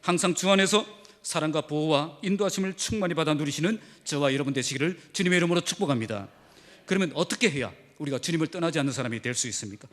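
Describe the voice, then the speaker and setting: A man's voice: on the high side, fast, a bit bright. A male pastor delivering a sermon with emphatic preaching and rhetorical questions to his congregation. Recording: reverberant hall sound.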